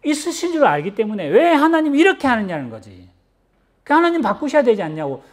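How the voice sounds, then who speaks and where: A man preaching a sermon as pastor, animated, acting out quoted lines and often repeating words as he searches for them. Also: very high voice, a little fast.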